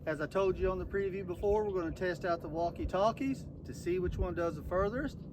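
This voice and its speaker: A higher-voiced, folksy man speaks fairly quickly over clear background noise as host of a gear review video. He chats casually to camera while testing walkie-talkies outdoors and inside a truck, in a noisy recording full of vehicle and outdoor sounds.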